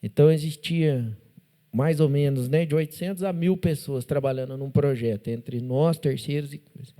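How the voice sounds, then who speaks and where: A man with a Brazilian Portuguese accent chats as a podcast guest, telling stories with animated energy and acting out the dialogue. His voice sits a little high with a mellow, warm tone. He keeps tagging his sentences with a questioning "né?". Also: normal speed. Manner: animated, acts out dialogue, constant "né?" tags. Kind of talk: casual testimony storytelling. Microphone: studio podcast mic.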